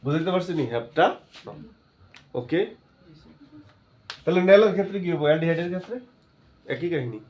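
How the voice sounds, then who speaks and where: A man's voice: a little high, lively intonation, a little fast, pauses often, darkish tone. A male chemistry teacher, giving a classroom lesson. He keeps asking his students questions and then answers them himself.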